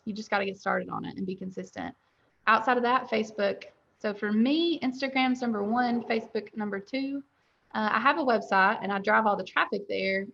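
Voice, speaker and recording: Speaking in a medium-pitched, gravelly, slightly bright voice, a chatty young woman talks on a dull-sounding call. She's a dental lab owner appearing as a guest in a webinar interview, candid and quick to laugh.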